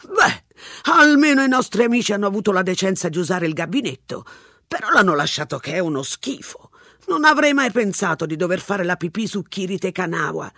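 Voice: medium pitch, bright, forceful tone, dry recording, clean studio sound, voice pushed up, full character voice. A reader voicing a wry, jokey police sergeant. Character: cheerful, sardonic police sergeant man. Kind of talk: audiobook character voice.

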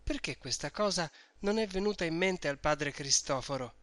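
A man reading as a meek, soft-spoken young woman. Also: on the high side, animated, normal speed. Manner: subdued, hesitant.

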